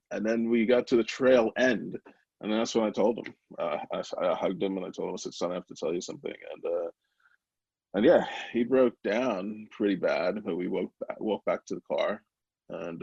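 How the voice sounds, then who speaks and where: A middle-aged man with a low, husky, gravelly voice shares a personal story in a candid, rambling way. He keeps breaking into the voices of the people he quotes. The recording is dry and close but a little dull and lo-fi. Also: no room sound. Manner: candid, rambling, animated quoting of others. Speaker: podcast guest, brownie company founder. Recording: slightly dull, lo-fi remote audio.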